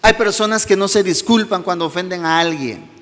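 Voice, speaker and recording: A man, a pastor preaching a sermon and telling a personal story in soft, low tones. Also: fairly quick, long reverb tail. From Mexico. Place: church hall.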